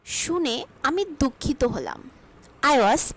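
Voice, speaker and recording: A woman teaching spoken English, reading each sentence aloud slowly and carefully, twice over. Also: high-pitched, huge pitch swings, poor audio.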